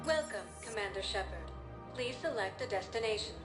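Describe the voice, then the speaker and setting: A woman voicing a calm, polite automated transit system in a video game, making station announcements. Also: mid-range voice, normal speed, natural voice. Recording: echoey with game music behind.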